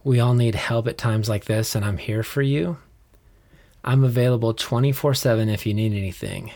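A man's voice: mid-range voice, moderate pace, vocal fry, a little mellow. A man with an American accent, co-hosting a podcast in a conversational style. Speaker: podcast co-host.

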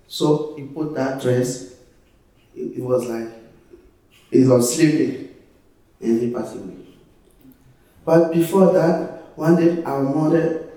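Slow-spoken Ivorian man in an echoey room. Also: medium pitch, dark tone. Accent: Ivorian French. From Ivory Coast, West Africa. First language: French. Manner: halting, searching for words in limited English. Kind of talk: personal testimony to a group. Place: echoey room, away from the mic. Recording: very echoey room, distant mic.

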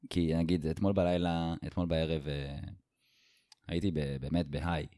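A man's voice: extremely low pitch, level tone, mellow, no room sound, clean studio sound. A male podcast host telling a personal story in casual conversation, searching for words and repeating himself as he goes.

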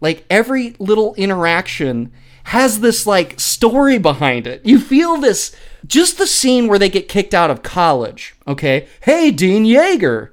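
Lively, eager man breaking down a film. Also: high-pitched, measured pace. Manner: enthusiastic, analytical, stumbles and repeats words. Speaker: podcast co-host. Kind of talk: casual film discussion.

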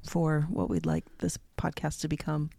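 Low, creaky, mellow-voiced woman. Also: flat delivery, moderate pace, no echo. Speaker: podcast co-host, psychotherapist. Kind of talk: casual discussion.

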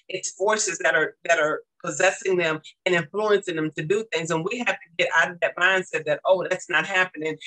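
A man's voice: high-pitched, sharp tone, low-quality recording. A male teacher giving casual spoken testimony in an emphatic, repetitive preaching cadence.

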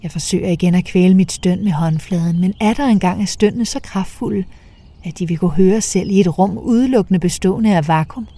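A woman narrating a first-person story in a soft, half-whispered way. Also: fairly low pitch.

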